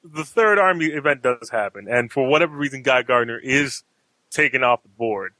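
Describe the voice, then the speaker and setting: A man with a bright, forceful voice hosts a casual comics podcast. He rambles with restarts and throws questions to the panel. The sound is dry and close to the mic. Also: medium pitch, expressive, normal speed, no room sound, low-quality recording. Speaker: podcast host. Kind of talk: casual chat.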